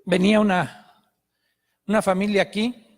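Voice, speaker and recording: High-voiced male pastor preaching. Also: flat delivery, normal speed, gravelly, in a large hall. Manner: emphatic storytelling. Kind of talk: sermon.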